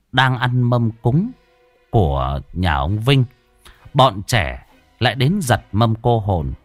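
A man narrating a ghost story in an expressive, dramatic way. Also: lowish voice, dry recording.

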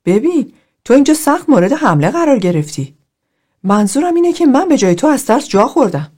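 A woman's voice: high voice, sing-song, breathy edge, voice pushed up, full character voice. A woman doing an exasperated, agitated man. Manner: loud, exasperated, fast. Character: agitated man, baffled group member.

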